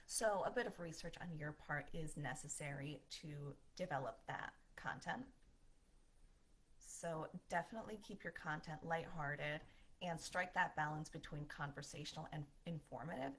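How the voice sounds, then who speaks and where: Woman, deep voice, smiling, upbeat, conversational, marketing lesson voiceover. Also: moderate pace, fairly bright tone, husky. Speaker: marketing instructor.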